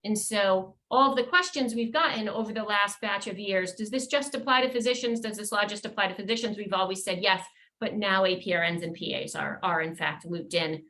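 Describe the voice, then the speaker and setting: Speaking at medium pitch with a sharp tone, this attorney gives a professional webinar over a rough recording. Her explanations are measured, sometimes broken by fillers and restarts.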